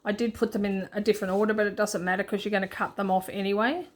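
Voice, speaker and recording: A woman's voice: mid-range voice, steady tone, fast talker. A woman hosting a budgeting channel, chatting casually as she shows her printables and laughs at herself. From Australia. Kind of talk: casual show-and-tell walkthrough.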